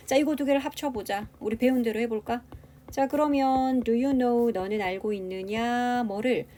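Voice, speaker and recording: A woman's voice: on the high side, warm tone, a little hiss or hum. Woman teaching grammar step by step. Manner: explains step by step, asks rhetorical questions. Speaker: English teacher. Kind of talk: grammar lecture.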